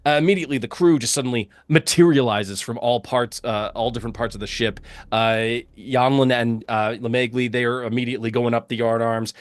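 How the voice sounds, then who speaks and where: A man narrating a tabletop game as game master, speaking haltingly and searching for words. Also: mid-range voice, steady tone, dry recording. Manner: halting, full of fillers and restarts.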